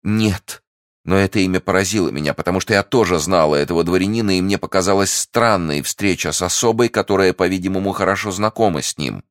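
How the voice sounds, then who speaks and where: A man voicing a scheming, manipulative French noblewoman who fakes warmth, talking in a feverish, insistent way. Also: deep voice, fast, no echo, clean studio sound, pitched above the performer's own voice, natural voice. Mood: probing.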